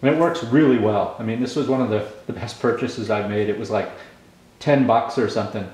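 A man's voice: lowish voice, fairly quick, a little mellow. A man in his forties from Canada, casually showing his tools on camera, rambling with lots of ums while chewing gum. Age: 40s. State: chewing gum, slightly mumbled. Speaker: channel host. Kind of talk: casual tool demo vlog. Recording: very echoey room.

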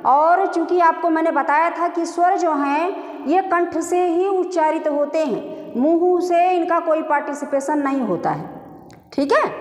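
A middle-aged woman teaching a Hindi grammar lesson, asking and answering her own questions and stretching out sounds to show them. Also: very high voice. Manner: drawn-out demonstration vowel sounds. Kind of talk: classroom-style lesson. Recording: echoey room reverb.

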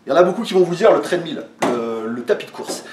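Talking fast and animatedly in a voice on the high side, a male fitness vlogger from France walks the camera through a workout in a casual, hesitant way, with plenty of fillers and restarts and a slightly tired edge. He is far from the mic in an echoey room, with noise in the background.

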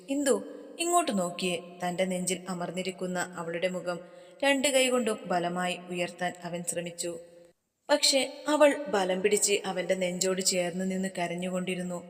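A woman's voice: lowish voice, in a large hall. A woman narrating a romantic story and reading every character's lines herself. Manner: reads all parts herself, dramatic.

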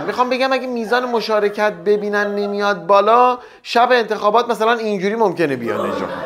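A young man hosts a comedy show with a strikingly high-pitched voice. He runs a satirical stand-up monologue full of teasing jokes and quick asides.

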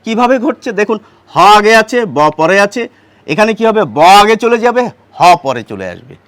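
A man's voice: high-pitched, big pitch swings, normal speed, fairly bright tone, no room sound. A man teaching a pronunciation lesson, patiently posing questions and then answering them himself. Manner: patient, asks and answers his own questions. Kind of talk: explanatory grammar lesson.

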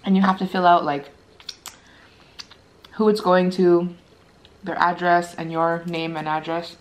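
Crunching chips and chewing in a living room, a thirtysomething woman chats casually between bites, mukbang-vlogger style. She speaks a little slowly in a fairly low, level voice.

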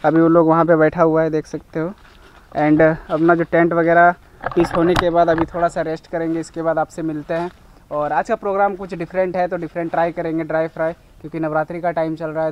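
A man's voice: a little high, level tone, a little fast, muffled recording. Chatty young man vlogging outdoors in a forest. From India. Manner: chatty, addresses viewers as guys. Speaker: camping vlogger. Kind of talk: casual vlog narration.

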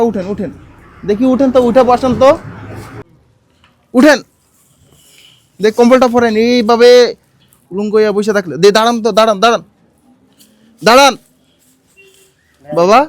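Gentle coaxing man, high voice. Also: no room sound. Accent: Bangladeshi Bengali. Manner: gentle, coaxing, repeats requests. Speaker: street outreach volunteer. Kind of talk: coaxing street talk. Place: outdoors on a city street.

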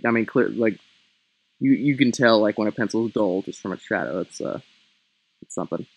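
Reading a story from his own childhood, a young man hams it up theatrically and breaks off for dry, casual comments. He speaks at a moderate pace in a fairly low, expressive voice with vocal fry, over background music, and the audio quality is poor.

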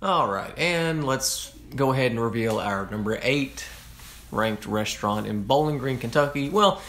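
A man's voice: medium pitch, measured pace, a bit bright. A young man co-hosting a casual gaming chat, laid-back and self-mocking. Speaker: co-host of a gaming channel.

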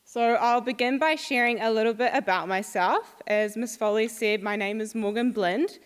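A woman's voice: a little high, moderate pace, clean tone. A young woman with a New Zealand accent giving a friendly, upbeat prepared talk to a school audience. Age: young adult. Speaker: alumna speaker. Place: school hall. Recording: long hall reverb.

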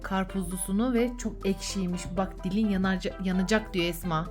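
A woman hosting a children's vlog as a mother chats playfully with a child and viewers, coaxing with sing-song questions. Her mid-range voice is brisk and a little mellow with fairly even intonation, and soft music plays in the background.

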